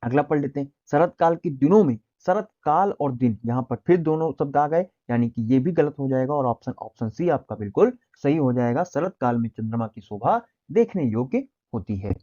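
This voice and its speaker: A man's voice: medium pitch, lively intonation, moderate pace, few pauses, dark tone, dull audio. A man teaching an exam-prep language lesson, reading out answer options one by one and then explaining which is correct.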